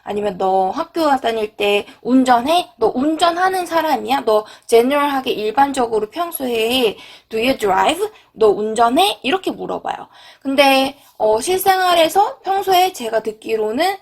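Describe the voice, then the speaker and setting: A woman teaching an English lesson, repeating English phrases slowly and clearly. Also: sits high, animated.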